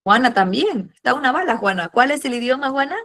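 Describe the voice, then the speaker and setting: A woman's voice: high-pitched, expressive, fairly bright tone. Patient woman teaching history. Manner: patient, fills pauses with "eh" and "a ver", uses diminutives. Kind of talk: classroom lesson, questioning students.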